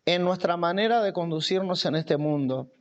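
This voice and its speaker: A man's voice: sits high, moderate pace. A man preaching a sermon at a church camp, emphatic and repeating key phrases.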